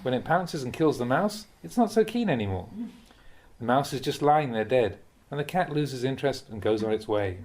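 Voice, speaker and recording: Reading translated Buddhist teachings aloud, a monk uses a voice of medium pitch. The delivery is expressive yet measured, much like a dharma talk recorded as an audiobook.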